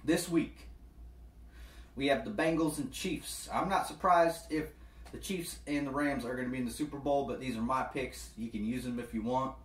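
Male vlogger, casual and hyped, slangy, mid-pitched, roomy echo. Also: normal speed. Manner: excitable, slangy, says "bro" often. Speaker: sports picks vlogger. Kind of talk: casual vlog talk. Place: apartment.

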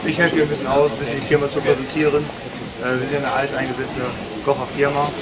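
A young man working as a vendor, answering informally and haltingly at an outdoor market stall. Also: mid-range voice, little pitch movement, a loud crowd. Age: young adult. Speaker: coffee company vendor. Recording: noisy outdoor market with vehicles.

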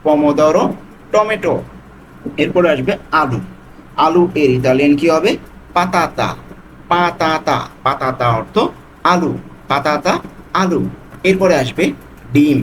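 A man with a slightly higher voice teaches words one by one, saying each term and then repeating it slowly and patiently. A faint hiss sits under the recording. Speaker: language tutor. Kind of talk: vocabulary lesson.

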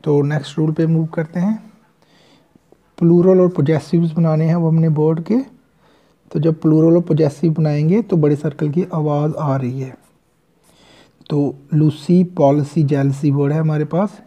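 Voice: medium pitch, fairly even intonation, unhurried, highs cut off. A shorthand teacher giving a recorded lesson, explaining patiently step by step and spelling words out sound by sound.

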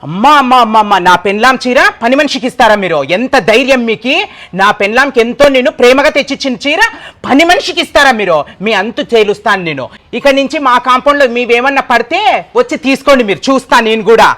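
Indignant man with a very high voice. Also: fast talker, a bit bright. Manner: indignant, pleading and complaining. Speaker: complaining neighbor in a comedy skit. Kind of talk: scripted comedy skit.

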